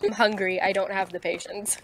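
A woman's voice: mid-range voice, little pitch movement, fairly quick, low-quality recording. A woman chatting casually while gaming with a partner, playful and silly in manner. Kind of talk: casual gameplay chat. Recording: faint noise and clicks.

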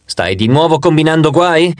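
A man reading an audiobook, voicing the queen of the gods in a calm, authoritative, motherly manner. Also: on the high side, normal speed, dry recording, natural voice. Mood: commanding.

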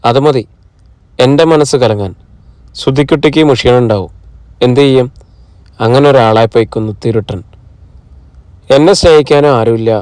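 A man's voice: medium pitch, normal speed, pauses often, darkish tone, smooth, no echo, close to an everyday voice. A man voicing a troubled, emotional middle-aged husband in an audiobook, speaking earnestly. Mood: rueful. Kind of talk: audiobook character reading.

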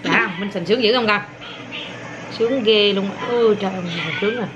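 A woman's voice: mid-range voice, steady tone, a little fast, highs cut off. A woman filming her toddler and coaxing the child to repeat words in a casual home vlog. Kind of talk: casual family vlog chat. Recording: noisy home video recording.

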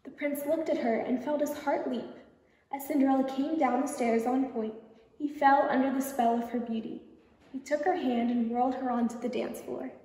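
A woman reads a children's picture book aloud at a library storytime, pausing to ask the children gentle questions. Her voice is fairly high. It echoes around a large room from far off the mic. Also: fairly even intonation. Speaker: storytime reader. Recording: echoey hall, distant mic.

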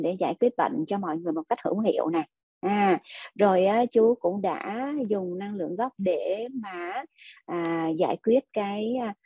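A woman hosting a spiritual energy livestream, reading viewer comments and chatting casually, full of enthusiastic praise and drawn-out filler sounds. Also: medium pitch, mellow, slightly rough, no room sound. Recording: dull lo-fi sound.

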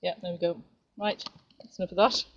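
A middle-aged woman chats her way around her back garden while filming on a handheld camera. Her talk is relaxed and cheerful, a casual home tour. The audio is dull and lo-fi, with steady background noise over the outdoor sound. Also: lowish voice, fairly quick. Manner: chatty, relaxed, cheerful narration while walking. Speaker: home video maker. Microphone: handheld camera mic.

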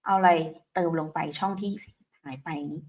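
A woman's voice: lowish voice, normal speed, darkish tone. A woman English teacher giving an online lesson, drilling phrases word by word and prompting viewers to repeat them aloud.

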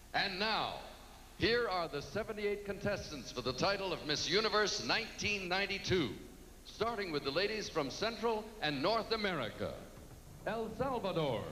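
A man announcing a televised pageant in a formal, ceremonial broadcast style, calling out each country by name in a crisp tone. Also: sits high, sing-song, normal speed, fairly bright tone, a little hiss or hum. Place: large convention hall. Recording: long hall reverb with music underneath.

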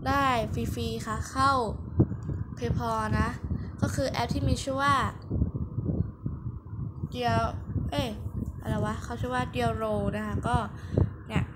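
A woman's voice: on the high side, steady tone, slow pace, pauses often, heavy background noise. A young woman casually walking viewers through a phone app, chatty and correcting herself as she goes, sometimes muttering under her breath. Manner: chatty, self-correcting, mutters mild swears. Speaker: app tutorial vlogger. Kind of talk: casual screen-recorded app tutorial. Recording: loud background music.

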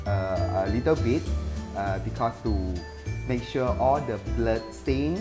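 Over music, a middle-aged man with a mid-range voice hosts a laid-back cooking show, speaking a little slowly yet chatty and excitable as he mixes English and Mandarin. He wears a lapel mic at a market and in his home kitchen.

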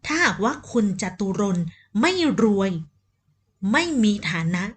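A woman's voice: medium pitch, very animated, unhurried, a bit bright, slightly rough, exaggerated voice. A woman voicing a haughty, bitter older first wife who scolds sharply, in an audiobook. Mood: scolding. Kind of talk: audiobook character voice.

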